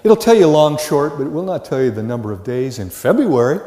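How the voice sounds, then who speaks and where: Very animated and brisk, an older American college lecturer works through his class in a folksy manner, tossing out rhetorical questions. His voice is medium in pitch with a dark tone. The recording echoes with the long reverb of a large lecture hall or classroom.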